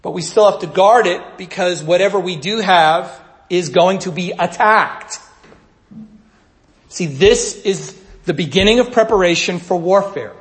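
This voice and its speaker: A man preaching a sermon, teaching in a conversational way and swinging between loud urging and soft asides. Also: high voice, measured pace, roomy sound. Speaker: pastor.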